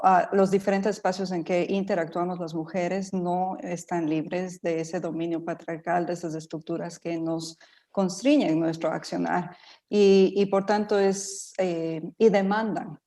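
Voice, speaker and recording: A woman's voice: lowish voice, warm tone. A middle-aged woman from Ecuador speaking as a panelist in an online talk, thoughtful, with many fillers and restarts.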